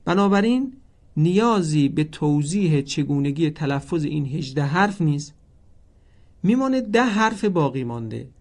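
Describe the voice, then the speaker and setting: A man teaching a Quran recitation lesson, speaking formally and slowly spelling out the names of the letters one by one. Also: a little high, sing-song, a little mellow. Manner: slow, deliberate, stresses each letter; formal, addresses listeners politely.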